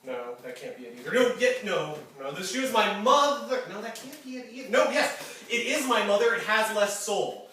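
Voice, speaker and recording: A man's voice: sits high, animated, moderate pace, few pauses, pushed and bright. A weepy lonely alien henchman. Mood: whining. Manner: comic, tearful, rambling monologue. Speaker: stage actor. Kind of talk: live stage comedy acting. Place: theatre stage. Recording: echoey theatre from far off, noisy.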